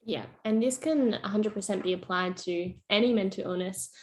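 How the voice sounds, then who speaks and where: A young woman presents a youth mental health workshop. She explains things in an encouraging way, with ordinary fillers. Her voice has a mid pitch. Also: moderate pace, darkish tone.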